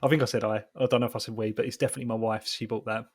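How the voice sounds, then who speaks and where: A man's voice: on the low side, little pitch movement, racing, no room sound. Chatty man, dry sound. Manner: chatty, laughs often. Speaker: podcast co-host. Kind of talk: casual chat.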